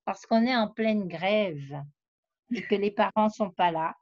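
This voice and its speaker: In a dull, dry, lo-fi recording, an interviewed researcher who also writes novels lays out her thinking at length, hesitating often. Her voice is medium-pitched with a darkish tone, and she never hurries.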